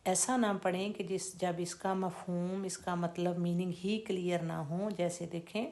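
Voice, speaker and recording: A recitation teacher, a woman, talks in a slightly low voice at a very unhurried pace. She breaks words into drawn-out sounds and repeats them so that learners can follow. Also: steady tone, darkish tone. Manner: drawn-out demonstration of each syllable. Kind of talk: slow, deliberate pronunciation lesson.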